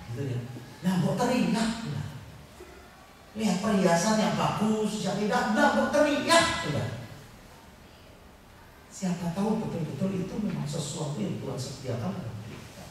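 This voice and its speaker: A man preaching a lively, joking sermon to his congregation, with a Javanese-tinged accent. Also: high-pitched, distant mic, slight background noise. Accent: Javanese-tinged Indonesian. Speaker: pastor. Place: church hall. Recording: echoey hall, picked up from afar.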